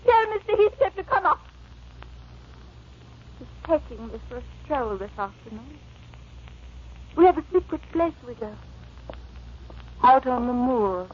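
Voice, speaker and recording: A woman acting in a radio drama as an infatuated, defiant young gentlewoman, coy and petulant. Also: sits high, very animated, unhurried, pauses often. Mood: smug, coy. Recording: muffled, noisy vintage radio recording.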